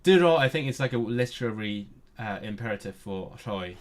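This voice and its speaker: A man who grew up speaking Cantonese chats casually with viewers on a live stream, nerdy and eager, often tripping over words and restarting them. His voice is on the low side, expressive and fairly quick.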